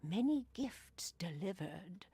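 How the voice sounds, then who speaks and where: A woman playing a knowing, mysterious fortune teller in a video game, speaking theatrically in a breathy, raspy half-whisper. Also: on the low side, lively intonation, warm tone, no echo, full character voice. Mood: ominous, prophetic. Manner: theatrical fortune-teller delivery, cryptic and drawn-out. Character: mysterious old-fashioned female fortune teller, knowing and cryptic. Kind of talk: dramatic video game voice acting.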